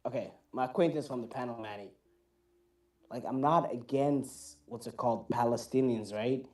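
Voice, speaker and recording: A man's voice: mid-range voice, moderate pace, darkish tone, roomy sound, recorded from a distance. A half Somali, half American man on a heated debate panel who keeps pleading for respect and tagging "right, brother?" onto his points.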